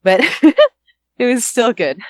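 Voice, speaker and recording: A woman's voice: on the high side, expressive, slow, dry recording. A young American woman, a musician and vocalist, chatting informally and with self-deprecation as she is interviewed on a call. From Houston, Texas, United States. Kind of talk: casual interview chat. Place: on a bus, speaking on a call.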